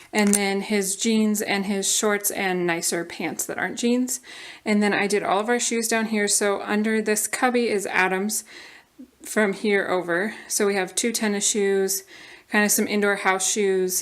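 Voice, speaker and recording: A young woman from Colorado, chatting casually through a home organizing vlog with frequent ums and likes. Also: mid-range voice. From Colorado, USA. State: slightly out of breath. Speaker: vlogger.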